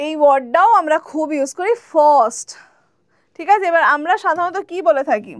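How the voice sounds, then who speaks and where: A woman teaching spoken English, slowly modelling pronunciations and asking viewers to repeat after her. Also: high voice, fairly bright tone, no room sound, studio quality. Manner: slow, drawn-out model pronunciations, then quick explanations; addresses viewers directly, asks them to repeat and comment.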